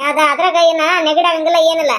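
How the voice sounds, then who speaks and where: A woman voicing a sharp-tongued, stingy old mother-in-law in a cartoon, nagging and scolding in a North Karnataka Kannada accent. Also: very high-pitched, steady tone, quick pace. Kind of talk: cartoon voice acting.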